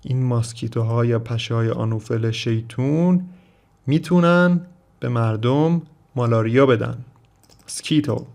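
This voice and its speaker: A man with a gravelly, creaky voice at an ordinary middle pitch gives an English vocabulary lesson. His first language is Persian. He reads English phrases slowly and carefully, then explains them at length. Keyboard clicks can be heard behind him. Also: a little mellow. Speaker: English teacher.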